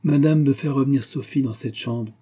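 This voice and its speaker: A man voicing a stubborn, loyal old nursemaid in an audiobook, answering calmly and coldly. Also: medium pitch, normal speed, husky, pitched above the performer's own voice, lightly acted. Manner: calm, cold, unbending replies.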